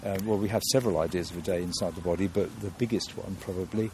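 A man's voice: low voice, steady tone, fast talker, dark tone, slight background noise. A man from London, a guest in an interview, talking thoughtfully with many restarts and fillers.

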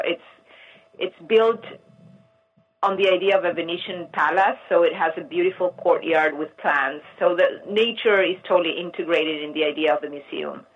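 A middle-aged artist from Argentina, giving thoughtful interview answers and searching for words with frequent restarts. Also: female voice, on the low side, husky. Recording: muffled lo-fi line.

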